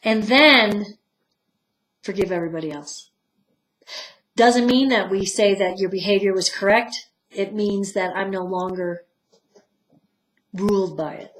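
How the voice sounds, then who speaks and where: A woman spiritual teacher talks her listeners through a forgiveness practice in a mid-pitched voice. She guides them gently, rising with emphasis and then sinking to near-hushed tones. The room gives her voice a roomy echo. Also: a little slow, pauses often, a little hiss or hum. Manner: soft-spoken guidance that swells and drops to a hush.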